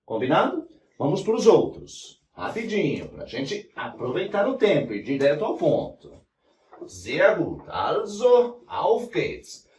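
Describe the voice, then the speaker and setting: A man teaching German in a lesson, explaining slowly and checking in with the class as he writes on a board. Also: a little high, huge pitch swings, a little mellow. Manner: explains slowly, spelling out German forms, with frequent "né?" and "tá?". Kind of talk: whiteboard language lesson. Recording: roomy sound from a distant mic.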